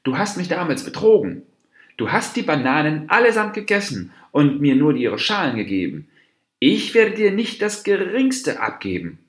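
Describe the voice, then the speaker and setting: Brief: a man playing a furious, stubborn storybook mouse deer, snappish and firm, lively pitch, echoey room. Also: a little slow. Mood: angry. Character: wrathful stubborn male mouse deer, fable hero. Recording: roomy echo.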